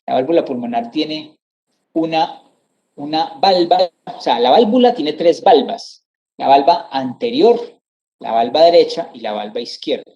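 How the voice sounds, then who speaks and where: A middle-aged man lectures on anatomy over slides in a mellow, warm voice. He explains step by step, repeats each term and keeps checking that the class follows. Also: on the high side, expressive, unhurried, highs cut off. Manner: explanatory, repeats terms, checks understanding with "¿sí?" and "¿cierto?".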